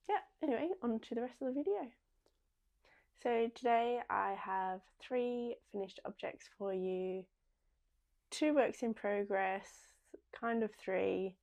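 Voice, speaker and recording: A young woman talks her way through a relaxed podcast chat. Her voice has a gravelly, fry-laden edge, and she wanders along with frequent ums and self-corrections. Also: medium pitch. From Australia. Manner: chatty, rambling, many ums. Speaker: podcast host. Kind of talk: casual chat.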